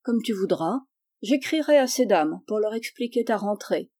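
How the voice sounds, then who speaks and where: A woman voicing a firm but loving mother in a storybook, speaking calmly and measuredly. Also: mid-range voice, normal speed, lightly acted.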